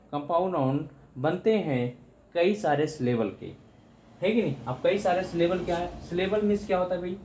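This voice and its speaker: A man's voice: on the high side, darkish tone, echoey room. A man teaching English grammar in Hindi for exam prep, repeating key terms and often addressing students as friends.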